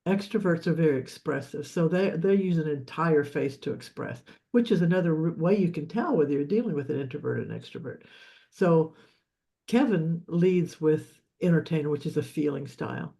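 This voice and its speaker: Teaching a live session on leadership and communication, a man with a fairly high, expressive, creaky and mellow voice talks at a moderate pace. This leadership coach explains loosely, often repeating words and starting over.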